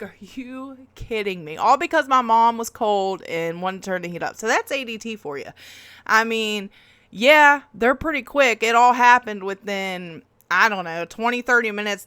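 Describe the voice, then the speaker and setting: A woman hosting a reaction video, telling a story in casual chat, animated and swearing, jumping up high when she acts out quotes. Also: clear, resonant tone, dry recording.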